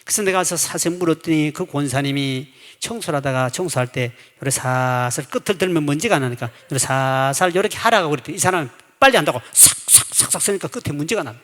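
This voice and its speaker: A middle-aged male pastor preaching a revival sermon, folksy and humorous, telling anecdotes and bursting into shouts for emphasis. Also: fairly high pitch, quick pace, hardly any pauses. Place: church sanctuary. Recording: echoey church hall.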